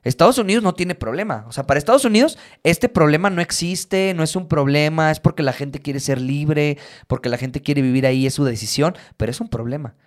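A man's voice: fairly high pitch, brisk, hardly any pauses. A young man with a Mexican Spanish accent, chatting casually as a co-host, telling stories with lots of swearing and animation. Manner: animated storyteller, swears freely. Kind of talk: casual chat.

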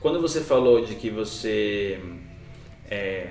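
A man's voice: on the low side, lively intonation, slow, darkish tone, slight background noise. Easygoing man reacting with laughter. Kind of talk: casual chat. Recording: roomy, mic at a distance.

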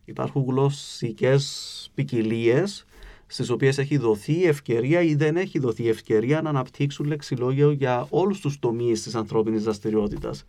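A man with a Cypriot Greek accent explains things patiently in an interview, at a mid pitch. He pauses on filler sounds and works through examples slowly and clearly. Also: mellow. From Cyprus. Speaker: linguist guest.

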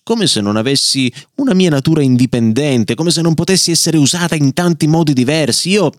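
A man's voice: medium pitch, sing-song, moderate pace, no echo, studio quality. A man doing an indignant leather bookmark. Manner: indignant, declamatory outburst. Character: proud, touchy female leather bookmark. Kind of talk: storybook reading.

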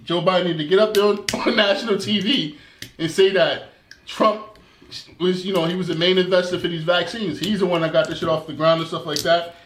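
A man's voice: high voice, brisk. Man with a raised voice, laid-back podcast talk. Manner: relaxed, chuckling slang talk. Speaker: podcast co-host. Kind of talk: casual chat. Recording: echoey room with faint noise.

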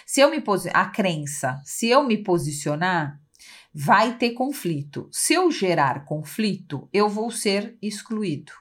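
A woman's voice: medium pitch, very animated, slow pace. A woman with a Brazilian Portuguese accent, co-hosting a podcast and explaining ideas in casual chat. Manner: explains with many "né?" tags and acted examples. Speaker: podcast co-host.

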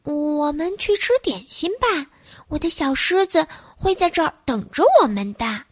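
A woman voicing a gentle little boy. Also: sits high, very animated, measured pace, no echo, clean studio sound, pitched above the performer's own voice. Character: small shy boy with a toy lion.

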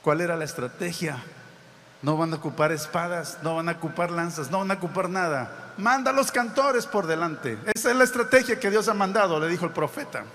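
Male pastor, high voice, fervent sermon delivery, long hall reverb. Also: brisk, fairly bright tone, a little hiss or hum. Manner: preaching with rising emphatic exclamations.

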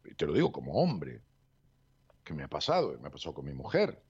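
A man's voice: a bass voice, huge pitch swings, a little fast, darkish tone, breathy edge. A man with an Argentine accent counseling someone one-on-one, talking bluntly and emphatically, swearing and pressing with repeated questions. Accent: Argentine Spanish. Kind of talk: confrontational one-on-one counseling session. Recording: dull lo-fi sound.

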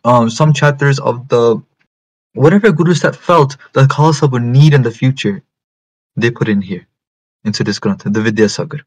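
Man, medium pitch, religious teacher, lecture style, emphatic repetition, mixes into English. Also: moderate pace, breathy edge, poor audio. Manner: repeats and rephrases phrases for emphasis; switches between English and Punjabi. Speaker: religious teacher giving a talk.

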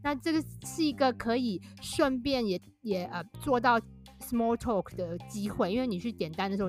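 A woman's voice: mid-range voice, a bit bright. Explanatory woman guest. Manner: explanatory, laughs often. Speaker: guest author. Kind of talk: casual podcast conversation.

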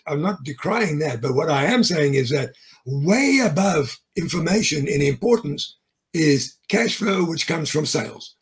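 A man's voice: fairly high pitch, vocal fry, poor audio. A man as an interview guest, telling sales stories in a chatty way, chuckling often and doubling up words as he starts sentences. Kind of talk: conversational interview.

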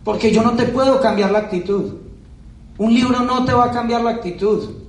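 A man with a high voice delivers an emphatic motivational speech to an audience. He repeats his key lines and throws out rhetorical questions. His voice echoes around a large hall and is picked up from a distance. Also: normal speed. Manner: emphatic and repetitive, drives points home with rhetorical questions. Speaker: motivational speaker at a business event.

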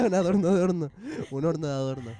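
Fast, slangy Chilean young man. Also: on the high side, over music. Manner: slangy, laughs often, animated retelling. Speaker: podcast co-host, comedian. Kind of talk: casual chat, comic storytelling.

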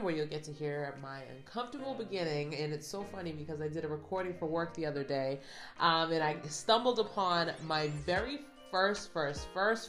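Slightly stuffy low-voiced woman podcaster. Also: fairly bright tone, echoey room. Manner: reads affirmations slowly and earnestly. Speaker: podcast host. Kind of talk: motivational podcast talk.

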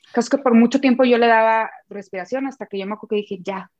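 A woman recounts an intense personal experience, acting out each voice in her story and repeating herself as she goes. Her voice sits a little high, and the recording is muffled and dull. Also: racing, no room sound. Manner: animated, re-enacts dialogue, repeats words. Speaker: guest. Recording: muffled lo-fi sound.

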